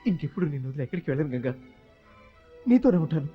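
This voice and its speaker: An actor playing a lovesick, volatile young hero in a dubbed film drama, talking with emotional intensity. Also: male voice, fairly high pitch, very animated, very fast, slightly rough, highs cut off, soft background music. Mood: tender. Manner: emotional and intense, swinging between pleading and mocking.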